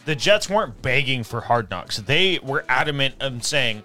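Male co-host, bright voice, dry and matter-of-fact, faint music under. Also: mid-range voice, animated, moderate pace. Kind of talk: casual podcast chat.

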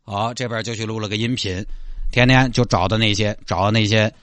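A man narrating a comic sketch in a brisk, plain telling style. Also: lowish voice, fairly even intonation, a bit bright, no room sound. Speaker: comedy narrator. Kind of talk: comic storytelling.

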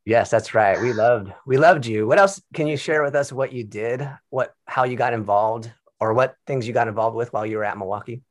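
A man's voice: medium pitch, fairly quick, hardly any pauses, no echo, studio quality. A man, a school counselor, hosting a podcast interview with an upbeat, encouraging manner.

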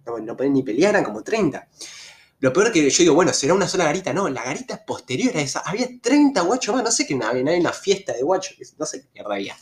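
A young man with an Argentine Rioplatense accent telling a story in a casual, slangy way. His pitch jumps sharply at the tense moments. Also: big pitch swings, very fast. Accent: Argentine Rioplatense Spanish. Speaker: vlogger.

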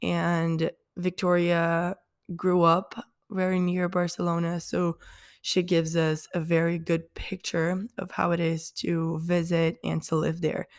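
A woman hosting a podcast, chatting in a relaxed way and asking her guest friendly, open questions. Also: fairly low pitch, takes it slowly. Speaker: podcast host. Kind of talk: casual podcast interview.

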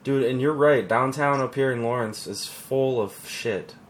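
A man co-hosting a podcast in casual chat, relaxed and rambling with fillers and restarts. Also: medium pitch, a little slow. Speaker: podcast co-host.

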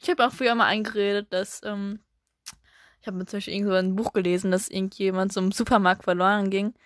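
A young woman co-hosting a casual chat, animated, acting out her younger self and laughing often as she tells a story. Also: mid-range voice, fast talker, dry recording, clean studio sound. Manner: animated, acts out her younger self with sudden loud cries; laughs often while telling. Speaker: podcast co-host.

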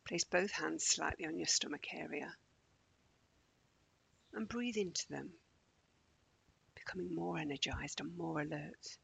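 Soft, husky, creaky man guiding meditation. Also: fairly high pitch, rough recording. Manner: slow, calming, gentle instruction, often near a whisper. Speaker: guided meditation host. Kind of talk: soft, soothing guided morning meditation.

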